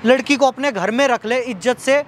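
Pleading man outdoors, high voice. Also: moderate pace. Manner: pleading, repeats himself, soothing when she cries. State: unwell. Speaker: vlogger helping a young woman. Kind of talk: outdoor appeal to viewers.

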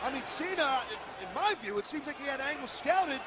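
High-voiced male wrestling color commentator. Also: lively intonation, brisk, over a noisy crowd. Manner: colloquial, punchy. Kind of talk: live wrestling analysis commentary. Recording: loud arena noise behind broadcast commentary. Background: noisy wrestling arena.

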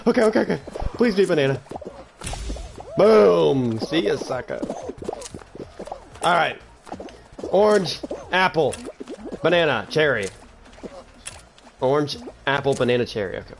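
A teenage boy streaming a video game live, excitable and yelling at the game, with game music behind him. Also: a little high, measured pace, gravelly, long pauses, background noise. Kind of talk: live gaming stream commentary.

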